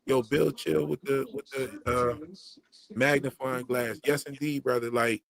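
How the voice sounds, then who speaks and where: The audio is poor, carrying a man's medium-pitched voice that stays steady in tone, unhurried, with vocal fry. Hosting a livestream on his own YouTube channel, he chats casually in slang with a loose rhythm and mentions once stuttering heavily.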